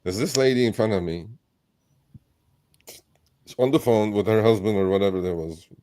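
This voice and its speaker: A man born in Turkey, hosting a live chat, talking bluntly and with profanity, telling animated stories. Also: lowish voice, moderate pace. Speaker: host. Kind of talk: casual livestream chat.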